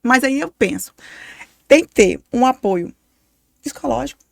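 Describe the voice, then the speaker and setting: A Brazilian woman hosting a podcast, asking gentle questions and sharing her own story as a mother. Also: on the high side, lively intonation, unhurried, gravelly, dry recording. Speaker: podcast host, mother and cancer survivor. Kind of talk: conversational interview.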